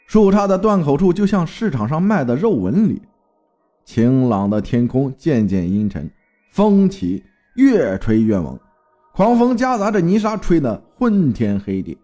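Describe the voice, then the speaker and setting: A man's voice: a little high, very animated, a little slow, warm tone, faint music behind. A man from Fujian narrating a folk tale in a dramatic storytelling manner. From Fujian, China.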